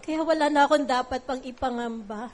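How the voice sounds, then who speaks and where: A woman's voice: sits high, fairly quick. A middle-aged woman giving a heartfelt church testimony, tearful at times and using many fillers.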